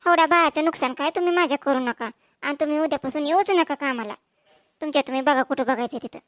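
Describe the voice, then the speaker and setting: Stern farm boss lady done by a woman, highish dry voice, grumbly. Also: fast, dry recording, lightly acted. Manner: complaining, lecturing. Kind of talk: dubbed cartoon voice.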